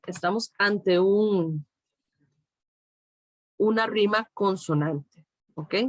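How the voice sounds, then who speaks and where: A middle-aged woman teacher with a Costa Rican Spanish accent speaks slowly and patiently, checking in with her students as she explains each step. Her voice sits at an ordinary pitch. It is recorded close on a computer mic with a dry, roomless sound. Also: dry recording. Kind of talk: recorded screen tutorial.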